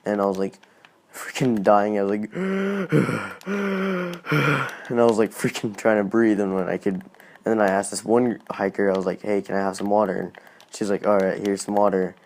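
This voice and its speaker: A man's voice: deep voice, a little mellow. A man hosting a gaming channel, telling a casual personal story in a rambling way, full of "like"s and restarts.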